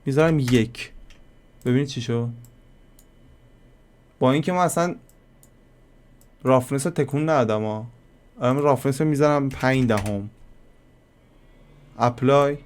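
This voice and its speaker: A man giving a casual screen-recorded software lesson, talking to viewers like friends and thinking aloud as he clicks through settings. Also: medium pitch, pauses often, clean tone. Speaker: software tutorial instructor.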